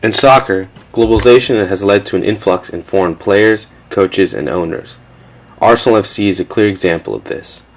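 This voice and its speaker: A man giving a measured, factual scripted narration for a documentary. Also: on the low side, slight background noise.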